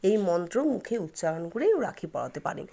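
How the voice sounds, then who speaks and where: A woman's voice: fairly low pitch, very animated, vocal fry, warm tone. A woman hosting her own channel, explaining ritual timings and customs in an earnest, advising instructional manner. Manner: earnest, advising, reciting a mantra slowly. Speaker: channel host giving ritual guidance.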